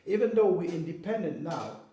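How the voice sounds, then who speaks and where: A man from Kinshasa, Congo, speaks as an interview guest, his voice on the high side, sing-song, a little fast and warm in tone. He explains things earnestly, often checking in with "okay?" and "you know what I mean?" The recording has a roomy echo.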